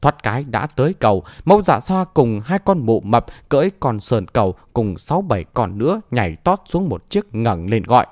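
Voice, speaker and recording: A male narrator reads a martial-arts novel aloud with a dramatic storytelling manner. His pitch rises and falls expressively, and the recording is dry and close with no room sound. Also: sing-song, normal speed, few pauses, a little mellow, no room sound.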